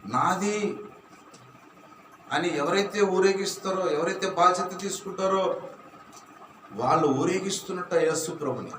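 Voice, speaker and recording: A man's voice: high voice, unhurried, pauses often, a bit bright, a little hiss or hum. A man preaching a sermon to a church congregation, asking them questions and calling on them to answer. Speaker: pastor. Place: church hall. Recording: echoey from far off.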